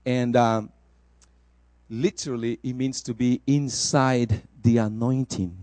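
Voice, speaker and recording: A man from El Salvador preaching a sermon, rising to loud exclamations and dropping soft for personal testimony. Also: medium pitch, fairly even intonation, slow pace, no echo.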